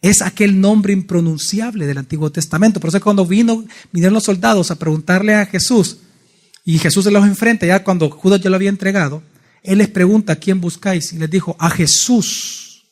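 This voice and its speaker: High-voiced man preaching. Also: fairly quick, a little mellow. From El Salvador. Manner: asks the congregation frequent questions. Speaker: pastor. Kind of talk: Bible study sermon. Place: church.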